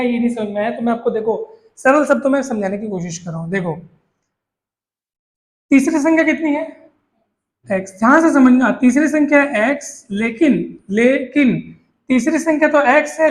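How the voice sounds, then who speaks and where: A male maths teacher, explaining a lesson in a coaxing way, repeating points and asking his students questions. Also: extremely high pitch. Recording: echoey room.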